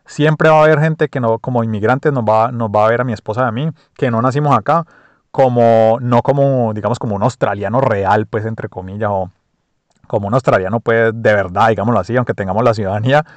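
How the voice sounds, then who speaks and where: A podcast host with a Colombian accent delivers a casual personal monologue, reflective and full of fillers and restarts. His steady, mid-range voice moves fairly quickly, and the recording is dry.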